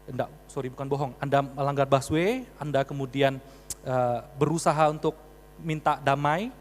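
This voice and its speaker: A man voicing a stern, unbending male traffic policeman in a story, speaking in a flat, official way. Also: mid-range voice, moderate pace, close to an everyday voice. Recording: reverberant hall with mains hum.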